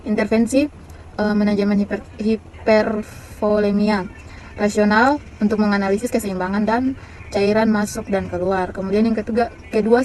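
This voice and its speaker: A woman reads through a nursing care plan item by item, stumbling and restarting as she goes. Her pitch barely moves, giving a monotone, list-like delivery. Faint traffic noise sits behind her voice. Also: rough recording. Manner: halting, with many fillers and restarts.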